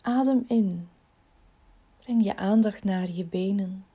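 A woman leading a guided body-scan relaxation in a slow, soothing, soft voice that often drops near a whisper. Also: medium pitch, husky.

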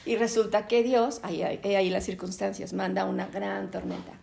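A middle-aged woman with a Mexican accent teaching a Bible class, an animated storyteller who keeps asking "¿no?". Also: mid-range voice, a little fast, creaky, slight background noise. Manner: animated storyteller, tags lines with "¿no?".

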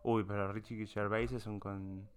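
A man's voice: fairly low pitch, flat delivery, unhurried, clear, resonant tone. A young man with an Argentine accent, co-hosting a podcast, earnest and explaining himself. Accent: Argentine Spanish. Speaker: podcast co-host. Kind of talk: casual chat.

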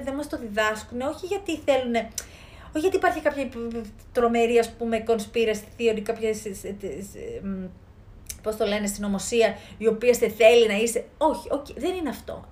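Emphatic, fairly high-voiced woman coach. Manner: earnest, emphatic, piles up repeated phrases. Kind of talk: motivational talk to camera.

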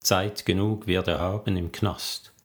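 A man voicing a blunt, dry-humored male police detective with a gruff manner in an audiobook. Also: low-pitched, fairly even intonation, unhurried.

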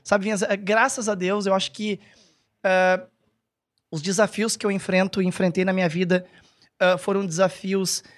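A man's voice: high-pitched, level tone, moderate pace. A man, chatting casually as a podcast guest in a rambling, hesitant, self-correcting way. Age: 30s. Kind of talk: casual chat.

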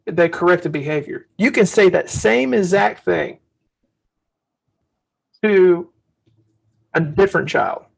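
A man with a high-pitched, gravelly voice talks earnestly about parenting in a casual faith-based chat. He tells stories from his own life and acts out the lines of the people in them. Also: low-quality recording. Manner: earnest, storytelling, acts out quotes. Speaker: podcast co-host.

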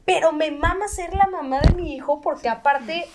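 Mexican woman, podcast host, high voice, candid rambling storyteller. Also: moderate pace, background noise. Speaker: podcast host, new mother. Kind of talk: casual chat.

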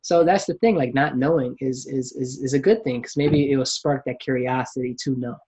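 Husky man musing on a podcast. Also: medium pitch, fairly even intonation, fairly quick, a little mellow. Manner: reflective, frequent restarts and acted-out quotes. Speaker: podcast host. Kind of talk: casual podcast conversation.

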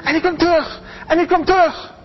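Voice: very high-pitched, steady tone, fairly quick, in a large hall. A preacher giving an earnest sermon, speaking straight to the congregation and often repeating or restarting words. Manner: earnest, addresses the congregation directly, acts out quoted voices. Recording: slightly dull recording with faint music behind.

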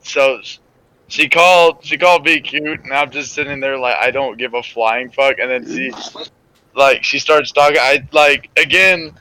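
Young man, podcast co-host, casual chat, very bright sharp tone, blunt. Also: mid-range voice, normal speed, a little hiss or hum, low-quality recording.

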